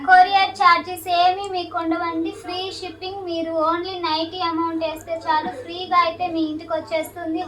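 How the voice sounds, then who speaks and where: A soft-spoken woman with an Andhra Telugu accent showing clothes for sale in a casual, chatty way. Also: very high voice, slight background noise. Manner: soft-spoken, repeats filler words. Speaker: shop owner selling nighties. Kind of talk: casual product showcase. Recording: faint ambience, mic at a distance.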